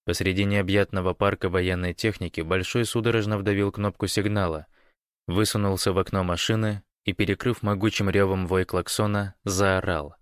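A man's voice: deep voice, fairly even intonation, normal speed, clear, resonant tone, no echo, studio quality. A man narrating an audiobook.

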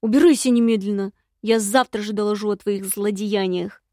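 A woman voicing a shaggy male imp helper in an audiobook, speaking quietly and guilelessly. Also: mid-range voice, fairly even intonation, normal speed, dry recording, clean studio sound, lightly acted. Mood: indignant. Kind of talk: audiobook character reading.

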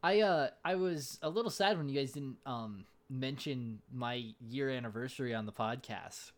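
A man of middle pitch chatting casually on a podcast. He hesitates often, circling back with ums and restarts. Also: moderate pace. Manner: hesitant, lots of fillers and restarts. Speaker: podcast co-host.

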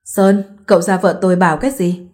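A woman voicing an easygoing young husband who speaks calmly and reasons patiently in a read-aloud story. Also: sits high, brisk, close to an everyday voice. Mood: coaxing. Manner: calm, reasoning.

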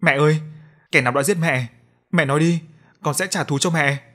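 A man's voice: fairly high pitch, a little fast, fairly bright tone, pitched above the performer's own voice, natural voice. A man voicing a young man grieving his murdered mother, speaking in an indignant, pressing way. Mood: indignant grief.

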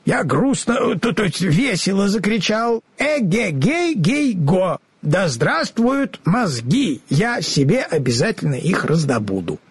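A good-natured scarecrow stuffed with straw, who stumbles over sounds and blurts the wrong words, as a man puts him on. His voice sits high and bounces around, with a husky edge. It is close and dry. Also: very animated, normal speed, no echo, full character voice. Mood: earnest. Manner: stammering, mixing up words. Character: kind, naive talking scarecrow stuffed with straw. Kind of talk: audiobook character voice.

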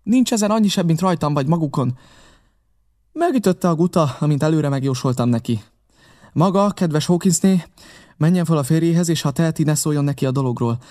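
A man voicing a brisk, confident village doctor who gives orders. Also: on the high side, animated, dark tone, pitched above the performer's own voice, lightly acted. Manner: brisk, commanding.

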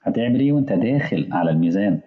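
A man's voice: on the low side, animated, racing, in a large hall, narrow, tinny audio. A man with an Egyptian accent preaching a colloquial sermon, acting out back-and-forth dialogues with imagined listeners. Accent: Egyptian Arabic.

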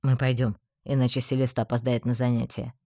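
A woman reading an audiobook voices a calm, controlled young man who keeps his temper in check. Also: rumbling low, brisk, dry recording, clean studio sound, pitched below the performer's own voice. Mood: calm, guarded. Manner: level, controlled. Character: calm, restrained young male fiancé.

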